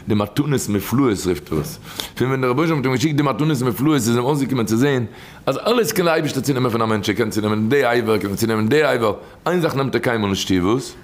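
A man preaches a storytelling sermon in a rough, gravelly voice of middling pitch. He repeats his key phrases again and again, leaning on them with emphatic swings up and down. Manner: repetitive, emphatic, with sudden rises and drops in pitch.

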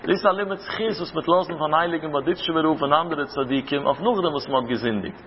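A rabbi delivers a religious lecture, teaching through anecdotes and rhetorical questions. His voice is a little high and he talks fast; the reverberant hall recording sounds dull and lo-fi with a little hiss or hum.

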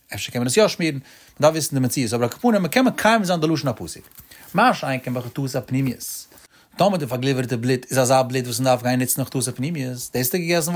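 A man giving a traditional Talmud study lecture, in a sing-song, emphatic delivery with animated rises. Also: medium pitch. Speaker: Talmud teacher.

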